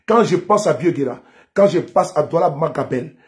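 Man, activist vlogger, defiant declamatory monologue, slightly high voice, recorded at home. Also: lively intonation, moderate pace. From Côte d'Ivoire. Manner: fiery declamatory, repeats phrases, frequent "n'est-ce pas". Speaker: political activist. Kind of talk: political monologue vlog.

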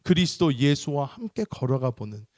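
Animated male pastor preaching. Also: mid-range voice, normal speed, dry recording, studio quality. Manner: animated storytelling, acts out voices. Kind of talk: sermon.

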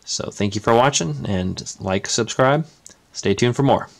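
A man's voice: mid-range voice, animated, unhurried, gravelly. A man, a parent, casually showing his toy-brick model off camera, listing items with many fillers. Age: adult parent. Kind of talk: casual show-and-tell. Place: indoors at a table.

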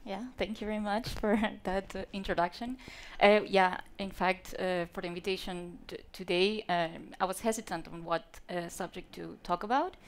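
A woman's voice: medium pitch, fairly even intonation, moderate pace, hardly any pauses. A woman from Venezuela giving a conference talk on lighting design, speaking hesitantly with many fillers and restarts. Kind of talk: conference presentation. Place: stage at a lighting industry event. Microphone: handheld mic.

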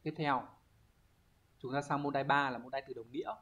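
A man's voice: medium pitch, steady tone, moderate pace, sharp tone. Guy teaching a japanese vocab lesson online, reads the sentences out then explains, keeps asking "right?". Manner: explanatory, often asks students rhetorical check questions. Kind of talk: online exam walkthrough lesson.

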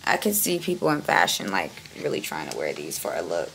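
Talking a little fast to her camera, a playful, sassy young vlogger uses casual slang, her pitch swooping wildly. Her voice is hoarse, low and gravelly with a bright, sharp edge, she keeps clearing her raspy throat, and slight background noise is present.

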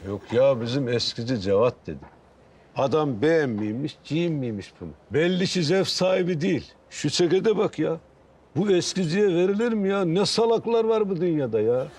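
A man's voice: a little high, lively intonation, moderate pace, a little mellow, a little hiss or hum, close to an everyday voice. An actor playing a boastful, stubborn man in a comedy series who refuses to give up a jacket he bought secondhand. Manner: brash, stubborn, laughs at others. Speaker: sitcom character.

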